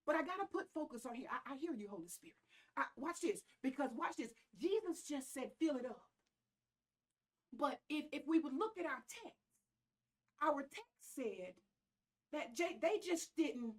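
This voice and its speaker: Female preacher, Southern US accent, high voice, emphatic and folksy sermon delivery with repeated phrases. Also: sing-song, normal speed. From American South. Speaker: pastor preaching. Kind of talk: church sermon.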